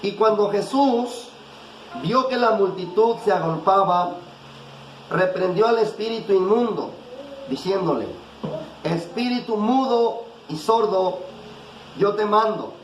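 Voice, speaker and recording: A man with a high voice preaches a sermon, reading scripture slowly and then pressing his point with rising intensity. The room around him rings with echo. A faint hiss of noise sits behind him.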